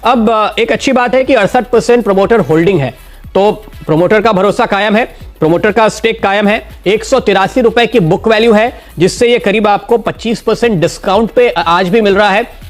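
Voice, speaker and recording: A man giving a steady stock market analysis and talking straight to viewers, explaining why he recommends each share. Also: high-pitched, normal speed, soft background music.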